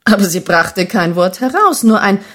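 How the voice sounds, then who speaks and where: A woman reading a fable aloud, expressive and unhurried, dropping into a whisper at times. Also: medium pitch. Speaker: storyteller.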